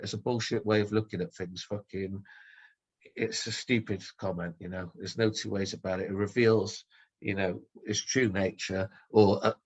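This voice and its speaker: A man's voice: low-pitched, breathy edge. A man talking casually on a podcast, airing a grievance in a blunt, rambling way with heavy swearing.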